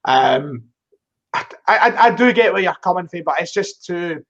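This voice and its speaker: Scottish guy, thick glasgow accent, bit high voiced, rambling footie chat, muffled stream audio. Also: expressive, measured pace, a bit bright. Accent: broad Glaswegian Scottish. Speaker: football fan guest on a live stream. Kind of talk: casual football discussion.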